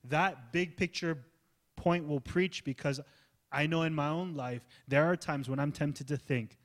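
A male pastor delivers a sermon with animated preaching. He swings from loud, pressing emphasis to quiet, low asides. His delivery is lively and expressive. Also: unhurried. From United States. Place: church hall.

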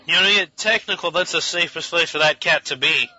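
A man casually riffing on a movie with friends, jokey and quick with silly voices. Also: a little high, sharp tone, muffled recording. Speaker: riffing commentator.

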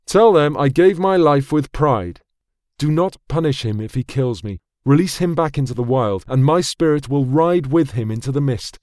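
A man's voice: mid-range voice, moderate pace, a little mellow, dry recording, clean studio sound, natural voice. Fasim: a man doing a proud, stubborn prince. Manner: proud, declaiming. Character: bold, stubborn young warrior prince.

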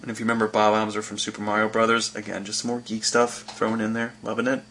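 A man's voice: on the low side, completely flat delivery, fast talker, a bit bright. A man co-hosting a podcast, chatting casually with enthusiasm and teasing jokes. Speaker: podcast co-host. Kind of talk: casual chat.

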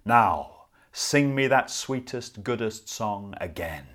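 Guy doing a big grey wolf from a storybook, loud and drawn out, sly and pushy. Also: fairly low pitch, animated, slow. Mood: coaxing. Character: great grey wolf, male, big, menacing and coaxing.

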